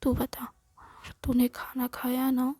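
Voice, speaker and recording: A woman's voice: high-pitched, completely flat delivery, slow pace, dark tone, slightly rough, no echo, full character voice. A woman voicing a doting, scolding middle-aged mother in a whispered role-play, in a reproachful manner. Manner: nagging, reproachful.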